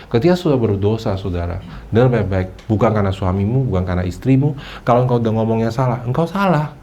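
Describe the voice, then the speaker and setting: Lively man preaching to a congregation. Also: fast talker, slight background noise. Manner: lively preaching, mixes in English phrases, acts out excuses in a higher voice. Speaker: pastor. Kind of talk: sermon.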